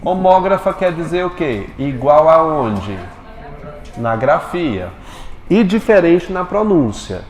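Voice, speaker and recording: A male teacher giving a Portuguese lesson in a classroom, quizzing his students with quick questions. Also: fairly high pitch, very animated, darkish tone, roomy sound, in a large hall.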